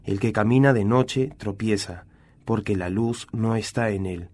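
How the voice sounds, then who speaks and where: A calm, grave Jesus, as a man reads him aloud, speaking in a slow and measured way. The voice sits a little low and stays steady. It is a plain spoken scripture reading, not a full dramatic performance. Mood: solemn. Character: Jesus, calm grown male teacher.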